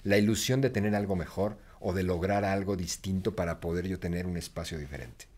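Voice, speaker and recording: Mexican man, lowish voice, reflective guest who spurs listeners on. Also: a little fast, darkish tone, husky. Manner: reflective, encouraging, urges listeners to act. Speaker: guest speaker. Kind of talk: casual conversation.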